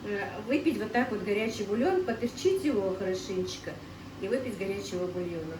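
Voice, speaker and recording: A middle-aged home cook vlogs casually, speaking a little fast in a medium-pitched voice and chatting directly to viewers she keeps calling friends. The sound is distant and echoey, from her kitchen, with a faint hum in the background.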